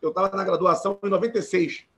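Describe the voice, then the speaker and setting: A man's voice: high voice, steady tone, fast, pushed and bright. A Brazilian man with a Carioca accent, in his forties, speaking earnestly and emphatically as a panelist on a live video call, often restarting his sentences. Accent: Carioca Portuguese. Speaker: panelist, former law student and activist. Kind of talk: live-streamed panel talk.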